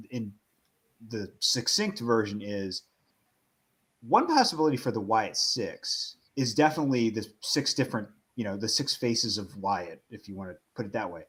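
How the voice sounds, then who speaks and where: A man on a podcast explaining his ideas in an analytical, thoughtful way. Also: medium pitch. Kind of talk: casual chat.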